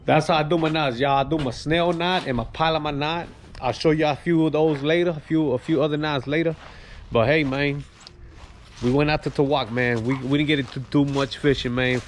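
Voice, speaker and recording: A man's voice: fairly high pitch, fairly even intonation, a little hiss or hum. Laid-back man showing knots. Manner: laid-back, slow, step-by-step instructions. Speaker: fishing channel host. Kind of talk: casual how-to demonstration.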